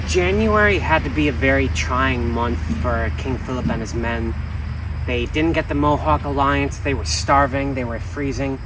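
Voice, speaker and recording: A man's voice: medium pitch, fairly bright tone, slight background noise, rough recording. A man vlogging outdoors at historic sites, explaining history in an earnest, informal way. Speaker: travel vlogger.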